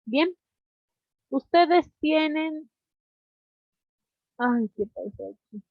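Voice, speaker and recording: A woman teacher leads an online class in a slow, measured way, stopping often to check that her students follow. Her voice sits fairly high for a woman. The call audio is dull and lo-fi, with a dry, close sound. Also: expressive, no echo. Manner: checks in with students constantly, deliberate. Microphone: video call.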